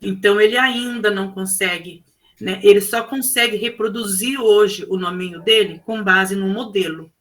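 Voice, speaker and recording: A woman's voice: medium pitch, steady tone, normal speed, rough recording. A woman teacher with a Brazilian Portuguese accent, presenting her classroom project in an explanatory way with frequent fillers.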